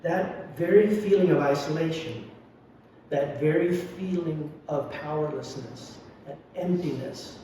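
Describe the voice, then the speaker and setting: A man's mellow, slightly high voice moves a little slowly as he gives a dharma talk as a lay Buddhist speaker. He is reflective and confessional with wry humor. The recording has slight background noise, a very echoey hall, and a distant mic.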